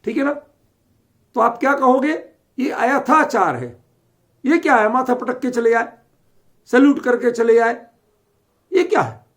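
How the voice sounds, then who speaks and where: A man's voice: very high-pitched, expressive, a little slow, pauses often, a bit bright. A man teaching a scripture lesson, often asking his listeners whether they follow the point. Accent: Delhi Hindi. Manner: questioning, keeps checking understanding.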